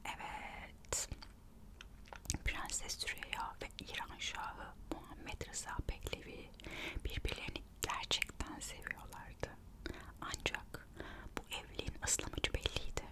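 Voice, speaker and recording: An ASMR host narrating royal history whispers through a read-aloud story, adding gossipy, musing asides along the way.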